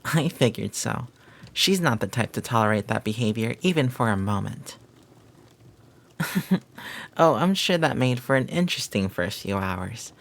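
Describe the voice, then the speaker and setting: Creaky and animated, this medium-pitched voice keeps a measured pace broken by long pauses. The performer voices a flirty, devoted maid in a scripted romantic audio roleplay, teasing and gossiping in flowery, formal phrasing with amused, gossipy relish.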